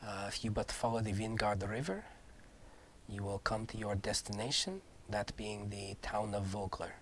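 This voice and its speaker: A man voicing a solemn, courteous knight in a tabletop game, speaking formally and gravely in measured phrases. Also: lowish voice, steady tone, a bit bright, slight background noise, pitched below the performer's own voice, close to an everyday voice. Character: solemn, courteous male knight bidding allies farewell. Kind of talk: tabletop game character acting.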